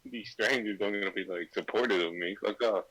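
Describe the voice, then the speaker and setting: A man's voice: lowish voice, brisk, a bit bright, low-quality recording. A young man in casual chat, telling stories in a laid-back way and swearing freely. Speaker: co-host.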